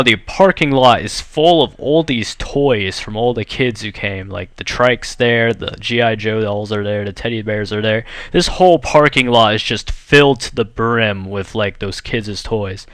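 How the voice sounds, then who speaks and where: A man's voice: medium pitch, a bit bright, no room sound. A young man chatting casually over gameplay, telling a story in a rambling way full of "like" and "you know.". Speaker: gaming channel host.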